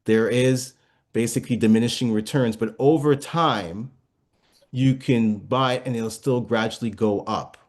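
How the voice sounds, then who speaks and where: An unhurried man with a slightly mellow, mid-range voice appears as a guest to discuss investing. His explanations are patient but full of fillers and false starts, and he keeps asking listeners whether it makes sense.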